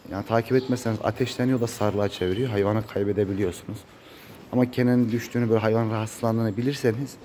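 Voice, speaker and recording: A man's voice: on the low side, mellow. A man, his voice muffled and congested from a cold, talking casually to viewers as a farmer in a vlog. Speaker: cattle farmer. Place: open-sided metal-roofed cattle barn. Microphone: handheld phone. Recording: noisy barn phone recording.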